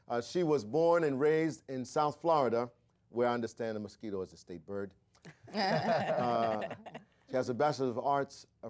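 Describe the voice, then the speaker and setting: A man's voice: mid-range voice, a little mellow. Man hosting a studio talk show. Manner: measured, introduces guests with hesitations. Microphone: studio microphone.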